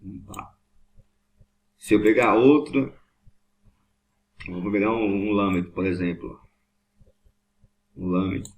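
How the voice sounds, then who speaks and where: Guy teaching at the board, low voice, keeps asking if you got it. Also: a little slow, long pauses, a little mellow, slight background noise. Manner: patient, repetitive, checks understanding often. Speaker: Hebrew teacher. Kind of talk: classroom lesson at a board.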